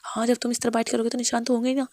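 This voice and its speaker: A woman voicing a calm, playful young man who teases his friend in a fan fiction story. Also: a little high, rapid-fire, no room sound, natural voice. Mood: teasing. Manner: teasing, mocking.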